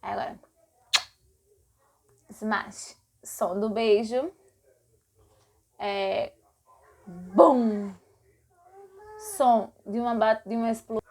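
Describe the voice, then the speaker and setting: A woman's voice: fairly high pitch, steady tone, takes it slowly, pauses often, darkish tone. A woman teaching a lesson, repeating words and acting out sound effects. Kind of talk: explanatory lesson.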